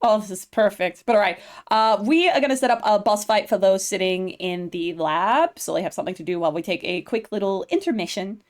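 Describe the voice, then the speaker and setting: A woman's voice: medium pitch, lively intonation, brisk, few pauses. A woman running a tabletop stream, casual and giggly, exclaiming often. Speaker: game master and streamer.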